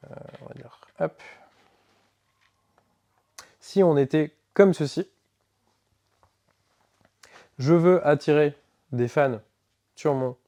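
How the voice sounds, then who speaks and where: A man's voice: fairly high pitch, slow, long pauses, mellow. A man walking through a board game's rules in a casual, hesitant way, with many fillers. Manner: casual, filler-heavy walkthrough with self-corrections. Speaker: board game shop presenter. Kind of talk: explaining game rules. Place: board game shop.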